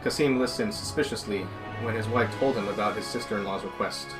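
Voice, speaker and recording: A man's voice: fairly low pitch, a little fast, music in the background, low-quality recording. Man reading a storybook aloud.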